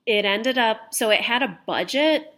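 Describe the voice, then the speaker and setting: A woman hosting a casual film podcast, relaxed and sharing researched facts with some casual swearing. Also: on the high side, a little slow. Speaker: podcast host.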